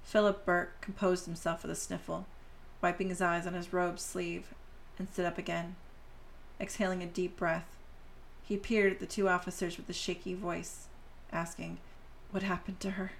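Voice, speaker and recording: A woman's voice: lowish voice, little pitch movement, normal speed, creaky, slight background noise. A woman hosting a podcast, reading a story aloud and talking directly to her listeners. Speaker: podcast host.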